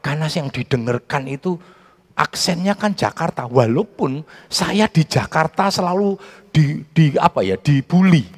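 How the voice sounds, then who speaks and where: A male pastor with a Javanese accent delivers a lively sermon. His pitch swings widely as he tells stories and plays out what others said. The voice rings with the long echo of a church hall. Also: a little slow. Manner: animated storytelling, acting out quotes.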